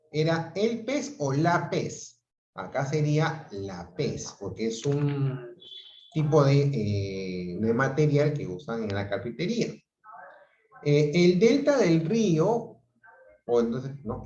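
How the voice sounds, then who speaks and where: Slow, patient male teacher on a video call. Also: mid-range voice, darkish tone. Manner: explains patiently, checks in with "¿ok?" and "¿no?". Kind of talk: online grammar lesson. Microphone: video call audio. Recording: roomy, dull lo-fi video call sound.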